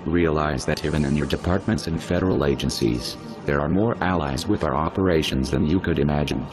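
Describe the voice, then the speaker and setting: Guy with a disguised super low pitched-down voice, slow and menacing, music playing behind. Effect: voice disguised, pitched down very deep. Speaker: spokesperson for a hacker collective. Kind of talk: scripted threatening statement.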